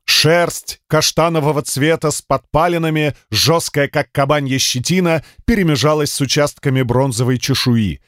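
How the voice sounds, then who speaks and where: A man narrating an audiobook in a scripted, expressive and ironic storytelling manner. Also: medium pitch, no room sound. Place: recording studio. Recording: dry studio audiobook recording.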